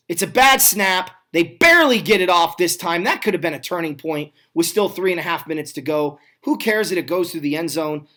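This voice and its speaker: A man narrating old football footage in casual, conversational play-by-play, speeding up in quick, energetic bursts. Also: on the high side. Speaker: retro football video narrator.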